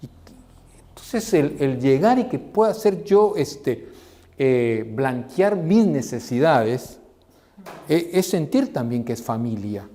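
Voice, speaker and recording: Brief: middle-aged teacher, mellow tone, lively class-discussion delivery. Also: male voice, slow pace. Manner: animated, acts out quoted voices in a raised pitch. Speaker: seminary teacher.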